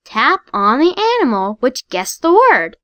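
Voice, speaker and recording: A woman's voice: fairly high pitch, very animated, a little slow, fairly bright tone, no room sound, clean studio sound. A woman voicing the prompts of a children's phonics app, giving cheerful praise and sounding out letters and words with care. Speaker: app narrator.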